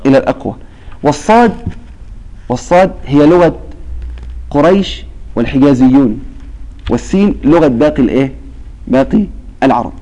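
A man's voice: fairly high pitch, expressive, mellow, dull audio. A man with an Egyptian accent who teaches Quran recitation to a class. He keeps asking his students to fill in the word he is about to say, and he draws out the verses he recites. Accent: Egyptian Arabic. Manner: quizzes students with fill-in-the-blank questions; slow, drawn-out recitation of verses. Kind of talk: classroom lesson.

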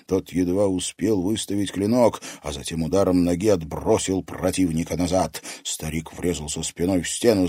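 A man's voice: deep voice, mellow, breathy edge, no room sound, clean studio sound. A man narrating a fantasy novel as an audiobook reader, telling it dramatically. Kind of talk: scripted narration.

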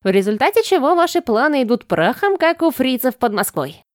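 A woman's voice: high voice, big pitch swings, brisk, dry recording, clean studio sound. A woman voicing a cocky male goblin trickster who talks in a mocking, boastful way.

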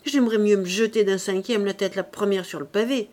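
A woman reading an audiobook, voicing a proud, excitable young seamstress in high, loud outbursts. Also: fairly quick, natural voice. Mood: indignant.

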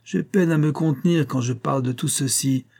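A man reading an audiobook, voicing a contemptuous, hot-tempered young male horse trainer who shouts insults at his servant. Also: mid-range voice, normal speed, creaky, pitched above the performer's own voice. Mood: furious. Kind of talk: audiobook character voice.

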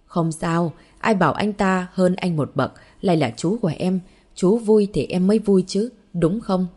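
A woman reading the lines of a calm, devoted young husband and father in an audiobook, with a gentle, reassuring manner. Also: sits high, moderate pace, husky.

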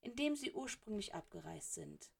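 A woman's voice: mid-range voice, wildly swooping pitch, normal speed, creaky, breathy edge, heavily acted. Woman doing an old male wizard, jovial, soothing, unflappable, raised voice, storybook audiobook. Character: cheerful elderly male headmaster wizard, unflappable. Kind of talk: audiobook character reading.

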